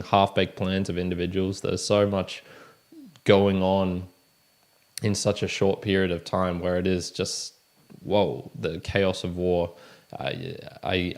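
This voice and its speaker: A man's voice: low voice, smooth. A man hosting his book review channel, talking casually through a monthly recap, rambling and correcting himself as he goes. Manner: rambling, self-correcting, frequent restarts.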